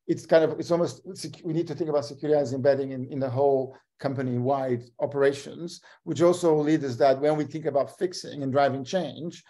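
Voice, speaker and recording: A man hosts an online security session, his voice warm and mellow at an ordinary pitch. He talks in a halting way, often repeating words before he lands his point, heard through a video call. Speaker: session host. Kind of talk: conference host chat.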